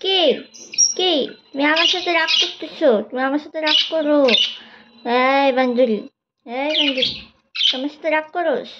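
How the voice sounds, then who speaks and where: High-voiced woman coaxing her bird. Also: normal speed, long pauses. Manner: scolding yet coaxing, repeated questions. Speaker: bird keeper checking chicks. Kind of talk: talking to a pet bird. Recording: dull audio with loud bird noise. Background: squawking budgerigars.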